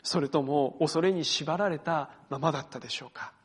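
A male pastor preaching a sermon to his congregation, earnest, swinging between forceful emphasis and hushed phrases and inviting them to read along. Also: fairly high pitch, moderate pace, husky. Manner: addresses the congregation directly, invites reading along.

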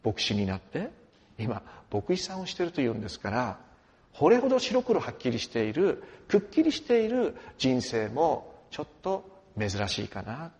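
A man preaching a sermon, lively and emphatic, with dramatic swings from quiet to loud. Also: medium pitch, moderate pace, big-room sound, lo-fi sound. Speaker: pastor.

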